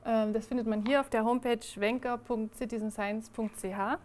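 A young woman with a slightly high, steady, a little mellow voice presents her projects to a small audience in an indoor room. She speaks hesitantly, with many fillers and restarts, and a room mic picks her up from some distance.

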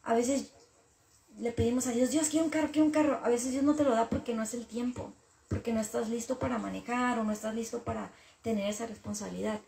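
A woman's voice: a little high, fairly even intonation, a little fast, vocal fry, warm tone, reverberant. A woman talking earnestly and casually about her faith and her frustrations with God, repeating her points.

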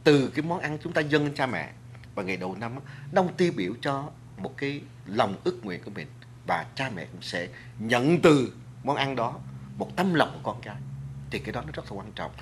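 A man's voice: mid-range voice, sing-song, a little fast, slight background noise. A man speaking as a guest on a talk show, lecturing earnestly to the audience about food and culture, with frequent restarts and filler words. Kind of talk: studio talk show discussion.

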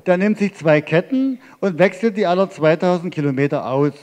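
In a large, reverberant theatre hall, a middle-aged German man with a high, slightly mellow voice speaks into a handheld microphone. He's a travel lecturer presenting his cycling slideshow to a live audience, chatty and explanatory.

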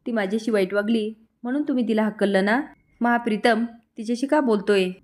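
A woman's voice: a little high, a little fast, natural voice. Woman doing a bossy scheming bride-to-be. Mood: pleading. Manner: sharp scolding and taunting. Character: spoiled scheming young woman, bossy and threatening.

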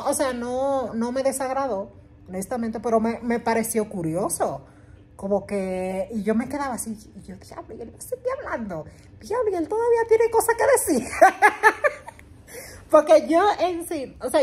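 A woman's voice: a little high, a little mellow. A woman travel vlogger telling a story casually to the camera, emphatic and repeating words for effect, laughing often.

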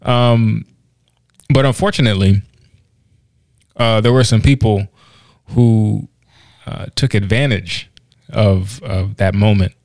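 Low gravelly guy co-hosting a podcast, rambly and laughy, dry close sound. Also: steady tone, slow, pauses often, a little mellow, no echo. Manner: chatty, laughs easily, many restarts and fillers. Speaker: podcast co-host. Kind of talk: casual podcast chat.

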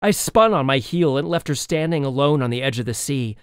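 A man's voice: medium pitch, fairly quick, clear, resonant tone, no room sound, studio quality. A man reading a children's novel aloud as an audiobook in the first person, telling the story expressively. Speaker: audiobook narrator.

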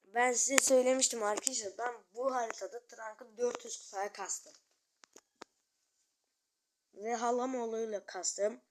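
A woman giving excited live gameplay commentary as a channel host, talking to her viewers and yelling taunts at opponents. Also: mid-range voice, a little hiss or hum.

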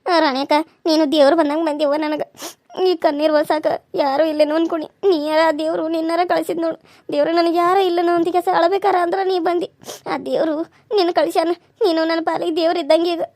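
A woman's voice: extremely high pitch, level tone, fast, darkish tone, no room sound. A woman voicing a young pregnant village wife, crying and pleading. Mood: grateful. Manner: weepy, pleading, self-pitying. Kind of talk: cartoon serial voice acting.

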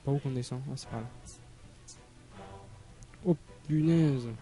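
A man's voice: mid-range voice, dark tone. Man muttering gameplay commentary over music. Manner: halting, thinking aloud, muttering to himself. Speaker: gamer, let's play host. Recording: game music behind voice. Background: video game music.

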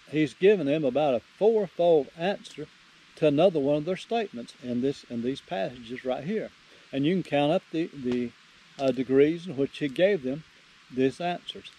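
A man's voice: mid-range voice, warm tone, a little hiss or hum, low-quality recording. A man teaching through the Bible verse by verse, folksy, repeating phrases for emphasis and reading scripture aloud.

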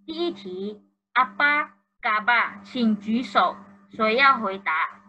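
A woman teacher speaks Malaysian Mandarin with Malay and English words mixed in, coaxing and praising her young pupils in an online class. Her voice is high and very bright. The call audio comes through dull and lo-fi. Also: lively intonation, takes it slowly, faint music behind. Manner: encouraging, coaxing. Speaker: primary school teacher. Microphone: video call.

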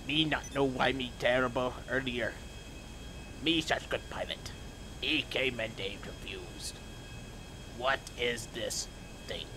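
A man voicing a dim-witted, excitable caveman who talks about himself in the third person while commenting on gameplay. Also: medium pitch, background noise, natural voice. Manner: broken caveman grammar, third person, sudden yelps. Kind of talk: playful game commentary in character.

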